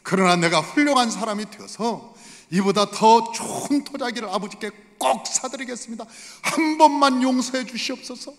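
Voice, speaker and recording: A man preaching, voicing a remorseful only son who kneels and begs his father's forgiveness in a low, hushed voice, heard in a reverberant church hall. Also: lively intonation, moderate pace. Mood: pleading.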